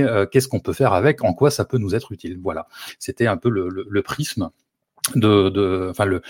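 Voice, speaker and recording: Low-voiced hesitant man explaining. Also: no room sound, clean studio sound. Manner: hesitant, many fillers and restarts, chuckles. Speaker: co-host presenting the topic. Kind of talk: casual podcast discussion.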